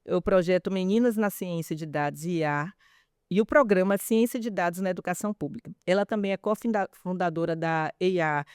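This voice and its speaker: A woman's voice: lowish voice, a little fast, darkish tone, clear, resonant tone, dry recording, clean studio sound. A woman hosting an interview podcast, introducing her guest enthusiastically and chatting asides to her listeners. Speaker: podcast host.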